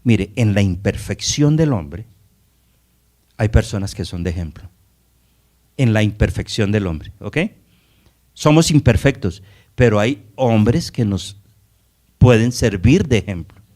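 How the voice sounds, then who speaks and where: A man's voice: fairly low pitch, animated, unhurried, long pauses, a little mellow. A man from Colombia preaching a Sunday Bible study sermon as pastor, asking the congregation rhetorical questions.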